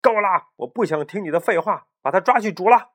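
A man's voice: sits high, expressive, brisk, a bit bright, voice pushed up. A stern, bossy ship captain from a children's storybook, barking his orders as a father voices him while reading aloud. The voice is pushed a little above the reader's own and delivered with impatient force. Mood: angry.

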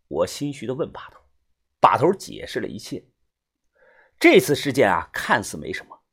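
A man's voice: mid-range voice, slightly rough. A man narrating a novel in the first person, telling the story expressively. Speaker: audiobook narrator.

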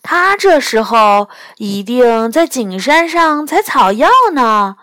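A woman's voice: on the high side, animated, slow, a bit bright, no echo, studio quality. A woman doing a cheeky meowing stray cat. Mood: chirpy. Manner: ends lines with a meow.

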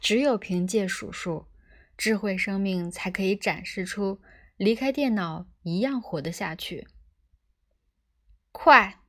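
A woman narrating a comic science fiction audiobook in a measured storytelling manner. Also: mid-range voice. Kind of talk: scripted narration.

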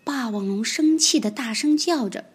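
A woman reading a children's picture book aloud, with expressive storytelling. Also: fairly high pitch, normal speed, slightly rough.

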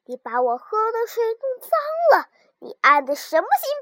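A woman's voice: sits high, lively intonation, unhurried, dry recording, clean studio sound. A blustering, bullying wolf, as a woman puts him on. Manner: loud, blustering and accusing. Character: fierce, bullying hungry wolf.

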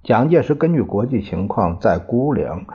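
Low, husky man reading a novel aloud. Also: big pitch swings, moderate pace. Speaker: narrator. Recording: dull lo-fi recording.

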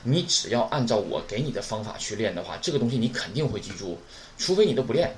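A man teaching Japanese in a recorded lesson, his pitch rising and falling in an animated way. He keeps asking his listeners questions and sounds out syllables slowly and clearly. The recording is roomy, with a faint hiss behind him. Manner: models pronunciation slowly and clearly. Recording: roomy with faint background noise.

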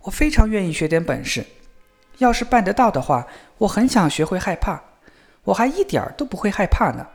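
A naive young lad who fears nothing, voiced by a man reading a storybook, shouting his words in a raised, lively voice. He swings up high and stays loud and blunt. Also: fairly quick, vocal fry, heavily acted. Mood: eager.

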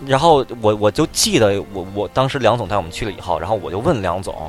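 A man hosting a podcast in casual chat, telling stories in an animated way and often repeating his words. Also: lowish voice, fast talker. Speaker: podcast host. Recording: music behind the voice. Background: background music.

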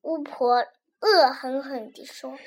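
High-voiced, unhurried woman storyteller. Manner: animated, expressive reading. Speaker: children's storyteller. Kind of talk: children's storybook reading.

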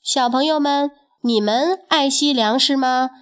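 A woman reads a children's tale aloud in a gentle, sing-song manner. She speaks slowly, as if to small kids. Her voice sits a little high and her delivery stays patient. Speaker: children's storyteller and host. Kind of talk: storytelling for young children.

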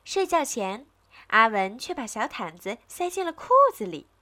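Bright, lively woman reading bedtime stories. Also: fairly high pitch, normal speed. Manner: gentle, sing-song, addressing children. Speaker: children's storyteller. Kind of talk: bedtime story narration.

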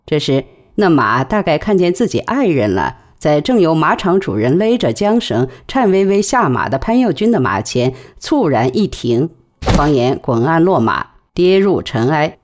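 Lively woman reading a novel aloud. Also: low voice, normal speed. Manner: expressive, lively storytelling. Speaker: audiobook narrator.

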